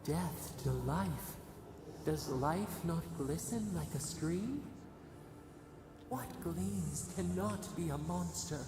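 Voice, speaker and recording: A slow, deeply gravelly spirit murmurs cryptic words about itself as "we". The voice rings through an echoey space over a steady hiss of noise. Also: heavily acted. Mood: ominous. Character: eerie plural spirit voice, ancient and mournful. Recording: echoey game audio with noise.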